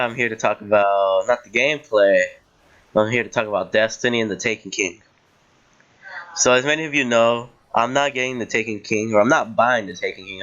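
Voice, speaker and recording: Over footage of a game, a gaming channel host who's getting sick delivers loose, rambling commentary, full of fillers and false starts. He's a young man with a lowish, slightly bright, clean-toned voice, though the recording itself is dull.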